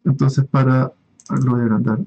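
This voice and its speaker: A man's voice: mid-range voice, level tone, moderate pace, vocal fry, warm tone, slightly rough, poor audio. A man giving a recorded online class, explaining step by step with frequent fillers and checking in with his students. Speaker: university lecturer.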